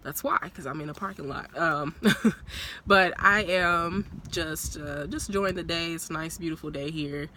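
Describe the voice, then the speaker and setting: A young woman in her twenties chats to her phone from the seat of a parked car, rambling and laughing easily. Her voice is bright but a little stuffy and nasal from a cold. A faint outdoor hum sits under the recording. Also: deep voice, measured pace. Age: young adult. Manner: chatty, rambling, laughs often. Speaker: vlogger. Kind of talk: casual talking-head vlog. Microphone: phone propped on a purse.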